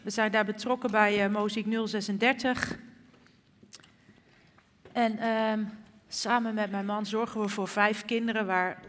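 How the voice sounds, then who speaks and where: A woman's voice: medium pitch, little pitch movement, unhurried, long pauses, fairly bright tone, a little hiss or hum. A woman from the Netherlands preaching a sermon in a chatty, storytelling way, with frequent fillers. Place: church service. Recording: reverberant church hall.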